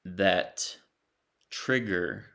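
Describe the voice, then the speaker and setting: A middle-aged man and spiritual teacher giving a slow, measured reflective talk with long pauses between phrases. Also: sits low, sing-song, vocal fry, pushed and bright.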